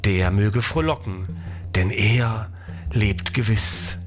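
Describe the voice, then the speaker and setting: A man reading the words of a grieving woman who has dried her tears, in a steady, solemn voice. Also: lowish voice, slow, voice pushed down. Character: grieving young woman composing herself. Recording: music playing behind.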